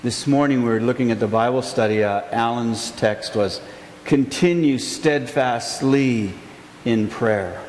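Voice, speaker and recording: A man in his forties, a pastor preaching a sermon from the pulpit in slow, emphatic phrases. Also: medium pitch, a little mellow. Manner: earnest, gestures a lot, slow emphatic phrases. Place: church sanctuary, indoors. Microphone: pulpit mic, far camera. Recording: echoey sanctuary with long reverb, faint hiss.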